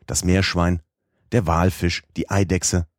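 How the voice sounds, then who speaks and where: Deep-voiced male audiobook narrator. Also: level tone, dry recording, clean studio sound. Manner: measured, first-person storytelling. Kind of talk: scripted narration.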